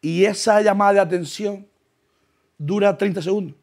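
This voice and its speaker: A man's voice: high-pitched, normal speed. A young man tells a comic story, acting out voices and laughing as he goes. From Canary Islands. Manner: animated, acts out voices, laughs through lines. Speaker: comedian.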